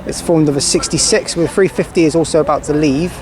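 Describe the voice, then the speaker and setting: A man's voice: on the high side, fairly even intonation, fast, a crowd in the background. A man giving chatty, casual running commentary outdoors on a railway platform, reeling off train numbers. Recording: outdoor platform with clear background noise. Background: passing trains, outdoor ambience.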